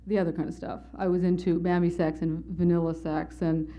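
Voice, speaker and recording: A woman's voice: on the low side, level tone, brisk, mellow. A woman speaker at a conference telling a candid, wry personal story as part of her lecture. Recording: slightly muffled lo-fi lecture recording.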